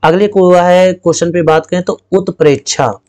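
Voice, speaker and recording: A man's voice: high-pitched, fairly even intonation, normal speed, a little mellow. A man teaching a Hindi spelling lesson. He explains step by step and says each word twice. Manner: explains step by step, often adding "ठीक है" and repeating words.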